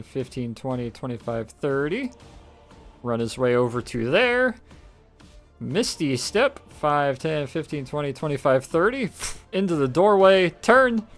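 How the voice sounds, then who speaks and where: A man narrating as game master, animated and laughing often as he counts out rolls and moves. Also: medium pitch.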